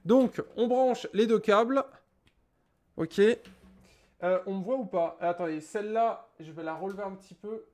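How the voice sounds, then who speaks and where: A young man with a high voice chats casually at his home desk while testing a cheap webcam. He jokes around, rambles and swears lightly as he fiddles with cables and settings. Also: measured pace, a little mellow. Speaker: tech YouTuber. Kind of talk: casual product review vlog.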